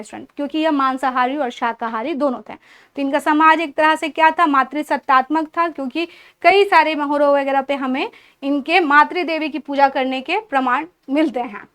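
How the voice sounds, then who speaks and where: A woman with a high, slightly bright voice teaches an exam-prep history class, explaining each point step by step. She asks her students questions and answers them herself, and runs through long lists one item at a time.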